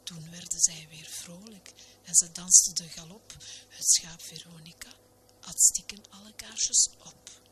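Woman softly whispering a storybook. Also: fairly low pitch, unhurried. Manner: soft, hushed, gentle delivery. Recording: noisy recording.

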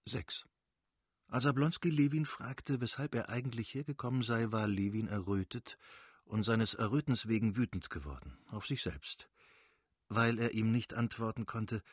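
A man reading a novel aloud as narrator, in a measured, expressive way with a husky voice. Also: mid-range voice, no room sound, clean studio sound. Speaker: audiobook narrator.

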